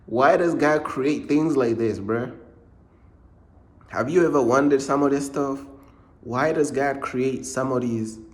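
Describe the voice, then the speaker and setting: A young man from Uganda telling a rambling storytime vlog about his faith, peppering his talk with "bruh" and "bro.". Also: mid-range voice. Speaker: faith vlogger.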